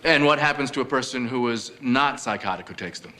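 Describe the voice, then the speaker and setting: An actor playing a hesitant, wry defense lawyer who questions haltingly in a TV courtroom drama. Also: male voice, mid-range voice, sharp tone, a little hiss or hum, natural voice. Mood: probing. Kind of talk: television courtroom drama acting.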